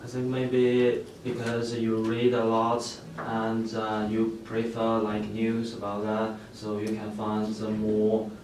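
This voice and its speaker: Low monotone male student, hesitant, distant mic in a very echoey noisy room. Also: takes it slowly, hardly any pauses. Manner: hesitant, monotone, brief answers. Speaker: student participant. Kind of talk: casual discussion.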